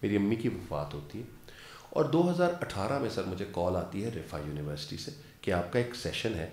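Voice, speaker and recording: A man in his fifties, an actor and lecturer, telling stories as an interview guest and acting out quoted dialogue. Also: low-pitched. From Pakistan. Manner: animated storyteller who acts out quoted dialogue. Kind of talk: casual interview storytelling. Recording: roomy studio echo.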